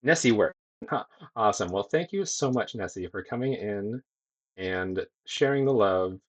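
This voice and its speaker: In a green-lit home streaming room, a young man who streams and does digital sculpting talks with viewers at a moderate pace. His voice is soothing, lowish and animated, and he reads the chat aloud with frequent ums.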